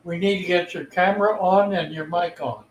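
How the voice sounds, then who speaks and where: In a rough recording from an echoey room with a little hiss or hum, an older fish keeper chats casually on his livestream, reading out viewer comments in an easygoing, folksy manner. His voice sits high and he speaks at a normal speed.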